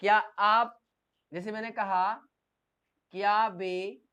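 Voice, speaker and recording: Clear-voiced teacher drilling a class. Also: male voice, high-pitched, flat delivery, takes it slowly, sharp tone, lo-fi sound. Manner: drills by asking and repeating questions. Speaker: English teacher. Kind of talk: classroom grammar lesson.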